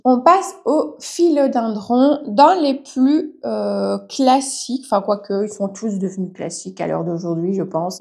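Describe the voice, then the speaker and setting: A woman's voice: a little high, a little mellow. A woman talking casually to camera about the plants she wants, chatty and enthusiastic, now and then glancing at her notebook. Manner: chatty, enthusiastic, self-deprecating. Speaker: plant vlogger. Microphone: reading from a notebook to camera.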